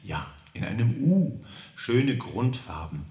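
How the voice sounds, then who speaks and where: A man leading a singing warm-up lesson, coaching listeners and demonstrating syllables and vowels in a high falsetto. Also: sing-song, takes it slowly, roomy sound. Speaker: singing teacher.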